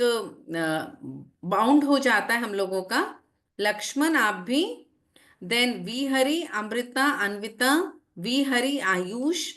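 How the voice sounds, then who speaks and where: Slow, lively woman teaching online. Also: fairly high pitch. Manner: slow, explanatory, mixing Hindi and English, asks students questions. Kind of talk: online class lecture. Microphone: video call.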